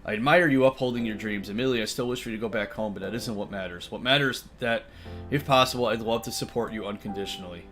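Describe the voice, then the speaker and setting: A man reading the lines of a protective male guardian tiger spirit aloud in a soft, formal, old-fashioned way. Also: on the low side, faint music behind, lightly acted. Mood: earnest. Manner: formal, old-fashioned wording, read slowly and softly. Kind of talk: reading visual novel dialogue aloud.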